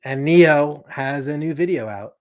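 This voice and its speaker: A man hosting a casual family podcast at home, playful and quick with asides. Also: on the high side. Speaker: podcast host.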